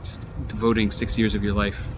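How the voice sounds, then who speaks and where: A man recording a heartfelt message on his phone, halting and reflective, searching for his words. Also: lowish voice, monotone. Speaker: friend leaving a recorded message. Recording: phone recording outdoors with traffic noise.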